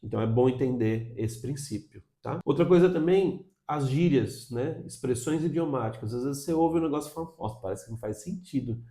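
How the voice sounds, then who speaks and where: A Brazilian man with a Brazilian Portuguese accent teaches in an explanatory, chatty way, often checking in with the listener. His voice is warm and mellow at a middle pitch. The room gives it a noticeable echo. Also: brisk, few pauses. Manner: explanatory, frequent "tá?" check-ins. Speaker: English teacher. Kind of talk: video lesson.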